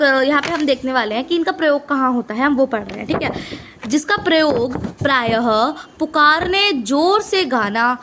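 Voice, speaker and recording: Woman teacher, high bright voice, patient explainer, faint hiss behind. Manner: patient, repeats points with "है ना" and "ठीक है"; mixes English words into Hindi. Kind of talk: explaining Hindi grammar lesson.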